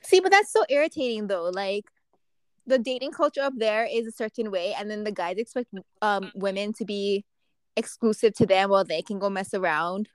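A woman's voice: medium pitch, normal speed, clear, resonant tone, dry recording. A woman hosting a casual podcast chat, asking teasing questions and steering the talk. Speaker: podcast host.

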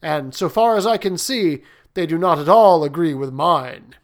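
A man reading a storybook, voicing a proud young foreign prince who talks in a fussy, indignant way. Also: expressive. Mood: perplexed. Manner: high, quick, fussy and indignant.

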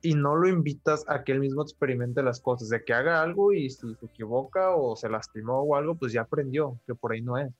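A man's voice: medium pitch, fairly quick, few pauses, no room sound, highs cut off, faint music behind. A man in casual podcast talk, thoughtful and full of filler words. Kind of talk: casual conversation.

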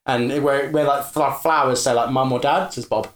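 A man's voice: mid-range voice, fairly even intonation. Man in an echoey room, thinking aloud. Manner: halting, restarts as he pictures ideas. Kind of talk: casual brainstorming chat.

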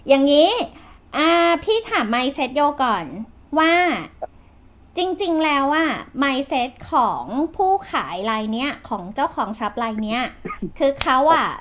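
Chatty high-voiced woman podcast host. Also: slow, fairly bright tone. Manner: chatty, teasing, repeats words. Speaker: podcast host, real estate broker. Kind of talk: casual advice chat.

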